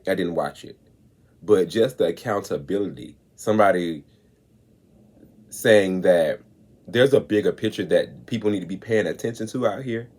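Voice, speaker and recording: Emphatic low-voiced male host. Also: a little mellow. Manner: emphatic, slows down to stress points. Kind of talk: commentary on clips.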